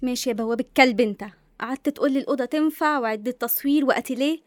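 An actress playing a lively, sardonic young Egyptian woman, a self-reliant photographer in a radio drama. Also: high voice, very fast, natural voice. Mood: wry grumbling.

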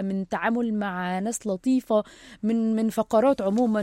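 A woman's voice: medium pitch, warm tone. A woman with an Egyptian accent hosting a radio talk show, chatting directly to her listeners. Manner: chatty, talking straight to listeners.

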